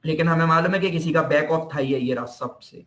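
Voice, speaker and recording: A fairly high-pitched, slightly bright male voice with an Indian accent moves at normal speed through an informal physiotherapy lecture. The teacher uses Hindi mixed with English terms, repeats his points, and responds to his own questions in an echoey room.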